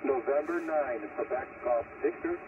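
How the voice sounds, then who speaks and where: A man's voice: mid-range voice, normal speed. A man calling in over ham radio, clipped and businesslike with phonetic call signs and signal reports. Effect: received over a ham radio transceiver. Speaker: amateur radio operator calling in. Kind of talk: ham radio contact exchange. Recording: tinny, distant, noisy radio reception.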